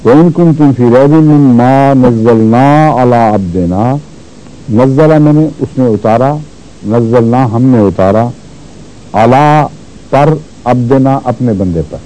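A man teaching Quran recitation rules, explaining patiently and repeating words slowly to show how they are pronounced. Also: medium pitch, mellow, a little hiss or hum, low-quality recording. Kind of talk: religious lesson on Quran recitation.

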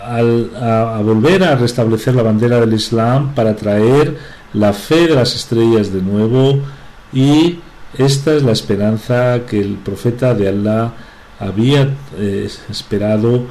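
Slow, halting man giving a religious talk. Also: mid-range voice, mellow, rough recording. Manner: halting, with many restarts and fillers. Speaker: religious speaker.

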